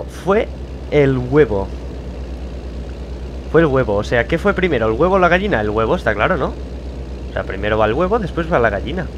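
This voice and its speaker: A young man with a Spain Spanish accent, rambling and joking at himself in casual let's-play commentary from a home studio. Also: a little high. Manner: rambling, chatty, self-mocking, laughs often. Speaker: gaming YouTuber. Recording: loud driving game engine noise behind.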